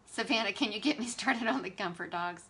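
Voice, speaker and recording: Bright, sassy woman. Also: mid-range voice, brisk, husky. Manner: animated, exasperated storytelling with sass. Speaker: beauty livestream host. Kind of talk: casual livestream chat while doing makeup.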